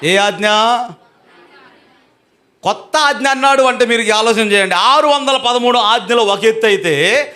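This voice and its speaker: High, forceful-voiced man preaching. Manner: emphatic, urges the congregation to respond loudly; swings between slow drawn-out and fast speech. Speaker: pastor. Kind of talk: sermon to a live congregation. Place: church hall with a congregation.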